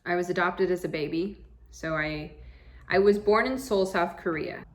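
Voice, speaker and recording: A woman in her thirties from Arizona, United States, sits indoors and talks casually to camera as a travel vlogger. She sounds chatty and upbeat, with rambling restarts, in a fairly low voice at normal speed.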